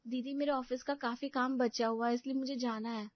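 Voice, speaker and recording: A woman voicing a polite, deferential young working wife in an animated story. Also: high-pitched, a little fast, no echo, natural voice. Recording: dull lo-fi dry recording.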